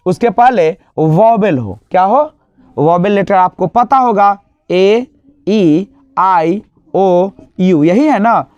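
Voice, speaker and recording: A man teaching an exam-prep grammar lesson, asking the class questions and answering them himself, and drawing out example words slowly. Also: sits high, darkish tone, dry recording. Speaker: English teacher. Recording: dull, lo-fi dry sound.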